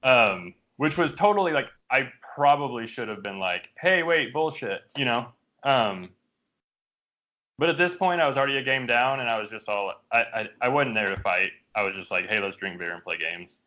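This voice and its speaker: A podcast co-host with a medium-pitched voice at normal speed tells a story in a casual chat among friends, heard through dull lo-fi audio. Riled up, he swears constantly and fills his animated storytelling with fillers.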